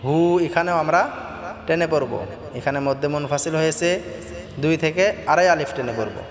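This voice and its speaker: A man teaching Quran recitation, chanting each verse slowly and melodically, then explaining it in quick plain speech. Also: a little high. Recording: heavy long reverb with faint music.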